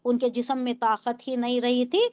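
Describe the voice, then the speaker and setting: High-voiced woman teaching Quran tafseer. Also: level tone, a little mellow, clean tone, no echo, highs cut off. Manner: explains Arabic word by word, quizzes listeners.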